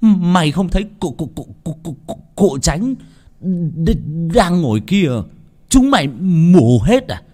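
A man doing a loud stammering bully servant. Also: a little high, sing-song, a little slow, voice pushed up. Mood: angry. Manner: shouting, stammering.

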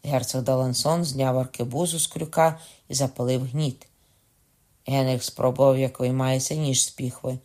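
A man reads a classic novel aloud as an audiobook narrator. His delivery is steady and measured, in a voice of ordinary pitch for a man.

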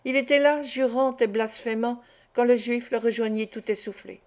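Woman, audiobook reader, steady measured narration, slightly high voice.

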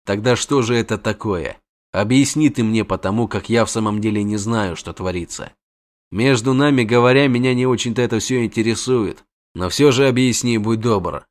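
A man voicing a calm, laconic male monster hunter who speaks flatly and without hurry. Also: close to an everyday voice. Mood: dismissive. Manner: flat, low, unhurried and dry.

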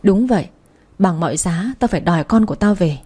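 A woman's voice: lowish voice, animated, brisk, husky. A woman reading an enraged young mother. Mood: bitter, vengeful. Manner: shouting insults, bitter. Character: furious young mother fighting for her baby.

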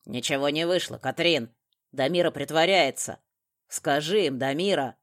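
Gruff male thug boss in an audiobook, read by a woman, barks orders. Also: extremely low pitch, unhurried, voice pushed down. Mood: threatening. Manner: barking, threatening.

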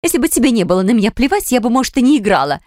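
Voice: medium pitch, big pitch swings, rapid-fire, darkish tone, no room sound, studio quality, voice pushed up, lightly acted. A woman reader voicing a young wife who wails and pleads, in an audiobook story. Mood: pleading, whiny. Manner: wailing, pleading. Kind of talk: audiobook character voice.

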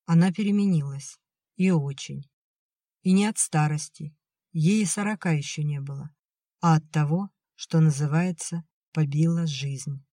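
An audiobook narrator reads a novel aloud from a script, evenly and at a measured pace. The voice is medium-pitched, and the recording is dry with clean studio sound.

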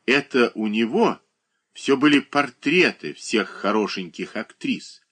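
A man voicing a capricious, childish young married woman who whines and pouts in a high, drawn-out voice. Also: animated, fairly bright tone, slightly rough. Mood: whiny coquettish.

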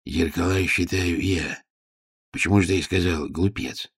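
A man voicing a vain, capricious, suspicious little male king in an audiobook drama, with a husky low voice. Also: measured pace, no room sound, studio quality.

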